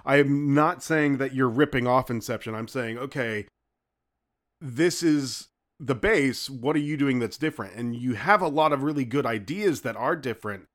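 Male co-host, casual film review chat, average pitch, relaxed and frank. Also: moderate pace.

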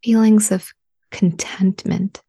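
A woman leading a guided relaxation in a soft, soothing spa whisper, hushed, breathy and gentle. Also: medium pitch, steady tone, slow pace.

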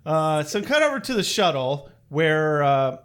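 High-pitched guy rambling through a cartoon episode recap, swears a lot and cracks jokes. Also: very animated, unhurried. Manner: rambling, jokey, profane. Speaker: podcast co-host.

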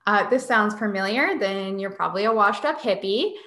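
A woman hosts a casual science podcast, explaining things in a chatty, sarcastic way. Her voice is bright and lively. The sound carries a noticeable room echo. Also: mid-range voice, normal speed. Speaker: podcast host.

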